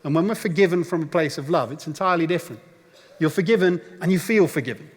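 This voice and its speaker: A man's voice: fairly high pitch, fast, husky. Man preaching in a reverberant hall. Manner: storytelling, acts out voices of the crowd. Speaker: pastor. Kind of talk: sermon. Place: church auditorium. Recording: long church hall reverb.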